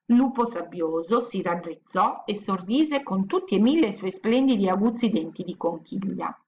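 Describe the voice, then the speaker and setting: A woman reading a children's storybook aloud in a gentle, steady storytelling manner. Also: medium pitch, normal speed, muffled recording. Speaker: audiobook reader.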